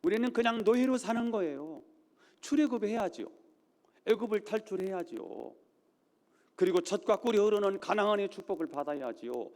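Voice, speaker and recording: Male pastor, sermon delivery, emphatic and repetitive, fairly high pitch, long church-hall reverb. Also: a little mellow. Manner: emphatic preaching with repeated phrases and rhetorical questions. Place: church sanctuary.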